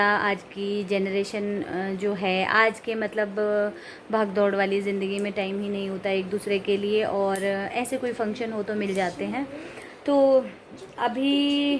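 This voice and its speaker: A woman's voice: mid-range voice, slight background noise. A woman from Himachal Pradesh with a Himachali accent, narrating a casual vlog and talking straight to her viewers in a chatty way. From Himachal Pradesh, India. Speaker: vlogger.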